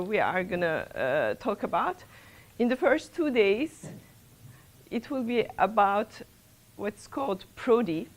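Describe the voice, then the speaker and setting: Opening a workshop lecture in a lecture room, a middle-aged woman who is principal investigator at a research center speaks hesitantly, with many fillers and restarts. Her voice sits on the high side, and the audio is poor.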